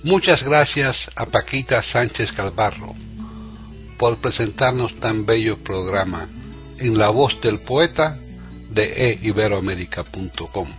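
A man's voice: lowish voice, expressive, measured pace. A man hosting a podcast who gives a polite, formal closing announcement and thanks. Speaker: podcast host. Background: soft guitar music.

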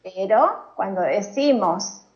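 A woman's voice: medium pitch, expressive, slow, dull audio. A woman with an Argentine accent, teaching English in a casual podcast lesson and explaining patiently with frequent laughter.

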